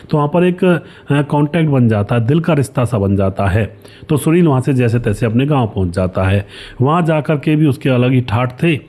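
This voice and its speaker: A man narrates a story in a loose, chatty way, calling his listeners friends. His voice is warm and dark, sitting at an ordinary middle pitch. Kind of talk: casual spoken storytelling.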